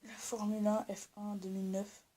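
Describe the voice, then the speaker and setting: A woman's voice: medium pitch, flat delivery, moderate pace, noisy background. A young woman filming a casual home-tour vlog, rambling with many fillers and restarts while she is sick. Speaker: YouTuber. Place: at home indoors.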